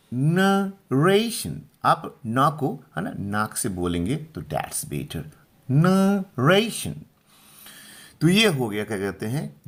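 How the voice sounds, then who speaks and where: A middle-aged man from India gives a pronunciation lesson, speaking slowly and repeating each word. His voice is slightly husky, and his pitch rises and falls a lot as he checks whether his students have understood. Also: a bit bright. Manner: slow, patient, repeats words and asks if clear. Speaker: English teacher. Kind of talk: Hindi-language pronunciation lesson.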